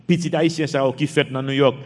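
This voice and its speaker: A man's voice: steady tone, fairly quick. A man from Haiti with a Haitian French accent, preaching a sermon and reading scripture, his voice rising and dropping sharply in force. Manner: fervent, rises and drops sharply in pitch and force. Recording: long hall reverb.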